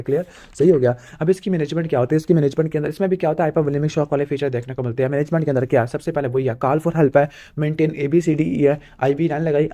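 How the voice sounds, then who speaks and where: A man from Pakistan giving an exam revision lecture, asking himself questions and ticking off points with "clear" as he rattles through lists. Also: a little high, mellow. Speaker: medical exam tutor.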